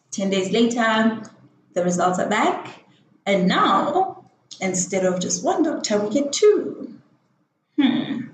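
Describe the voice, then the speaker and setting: A woman's voice: medium pitch, a little hiss or hum. A young woman telling a personal story frankly and candidly, rambling with many fillers and self-corrections. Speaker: vlogger. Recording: roomy echo, faint ambience.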